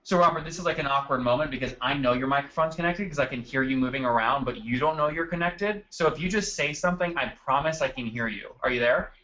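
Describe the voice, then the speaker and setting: A man's voice: medium pitch, fast talker, hardly any pauses, sharp tone, dull audio. A man hosting a live marketing webinar from his desk, upbeat and chatty, calling on attendees by name. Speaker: webinar host. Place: at a desk indoors.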